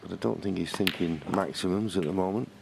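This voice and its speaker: A man giving low-key, analytical snooker commentary as play goes on. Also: fairly quick, gravelly. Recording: faint arena background noise.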